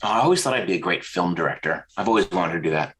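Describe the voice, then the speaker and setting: Deep-voiced man, animated storyteller. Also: rapid-fire, low-quality recording. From American South. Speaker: podcast guest, creative director. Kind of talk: casual interview conversation.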